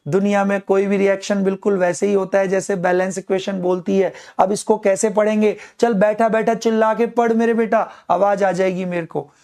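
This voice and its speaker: A male chemistry teacher with a notably high voice, running a lively online class. He jokes with his students, acts out their questions, and slows right down to dictate English phrases one word at a time. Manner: playful, calls students "my child", mock dialogues with students.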